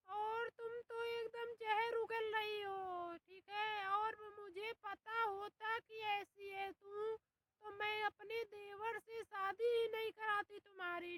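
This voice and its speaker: A woman's voice: very high-pitched, far from the mic. Woman playing scolding elder sister-in-law. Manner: scolding, name-calling.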